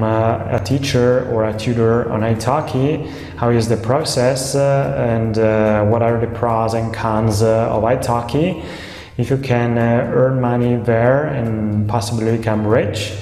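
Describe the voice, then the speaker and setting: Speaking to camera in an echoey room with a long reverb tail, a young man from Italy talks casually about his work as an online language tutor. He hesitates often with fillers, and his mid-range voice is steady, a bit slow, and somewhat dark.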